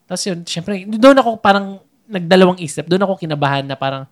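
A man's voice: high-pitched, lively intonation, quick pace. Man telling a story in casual chat. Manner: meandering storyteller, searching for words. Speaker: new father recounting a birth.

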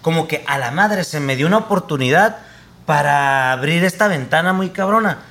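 A man's voice: fairly high pitch, expressive, normal speed, sharp tone, slight background noise. A young man with a Mexican Spanish accent, a producer and director guesting on a podcast, talking in a rambling, slangy way and laughing often. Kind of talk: casual podcast chat.

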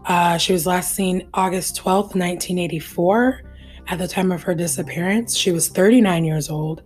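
A woman co-hosts a casual true-crime podcast, speaking earnestly and chattily and laughing easily, though she is hoarse and losing her voice. Her voice is fairly low and darkish, with fairly even intonation and a normal speed, over soft background music.

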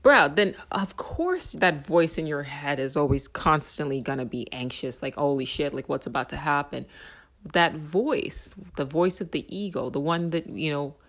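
Vlogger, spiritual monologue, intense, casual swearing, sudden soft whispers. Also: medium pitch, lively intonation, measured pace, hardly any pauses. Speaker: self-help vlogger.

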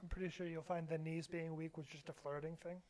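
A man's voice: fairly high pitch, flat delivery, fast, a little mellow. A man co-hosting a podcast, chatting casually and making dry, joking remarks about a film. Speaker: podcast co-host. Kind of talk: casual chat while watching a movie.

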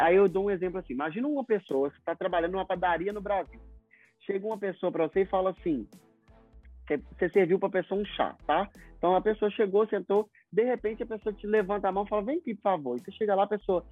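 A man's voice: high voice, fast, no room sound, faint music behind. A Brazilian man teaching English pronunciation in an interview, explaining with acted-out example dialogues. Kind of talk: casual interview talk. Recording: tinny phone-like sound.

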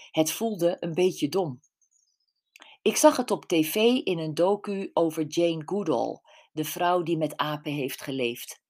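A middle-aged woman author reading her own personal column aloud in a reflective, deliberate way. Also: lowish voice, a little mellow. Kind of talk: scripted personal narration.

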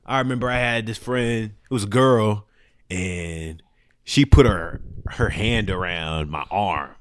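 A man's voice: lowish voice, a little slow. A young man co-hosting a podcast, candidly recounting memories in casual chat. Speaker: podcast co-host.

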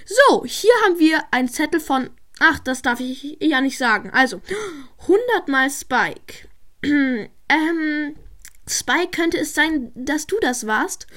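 A girl voicing a patient female class teacher who instructs slowly with small stumbles. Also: sits high, animated, fairly bright tone, voice pushed up, exaggerated voice. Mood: scolding.

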